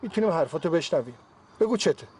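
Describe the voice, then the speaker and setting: An actor playing a sly teasing friend. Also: male voice, on the high side, lively intonation, darkish tone, slight background noise, close to an everyday voice. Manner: joking, sly. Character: teasing loyal friend, middle-aged man. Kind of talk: TV series acting.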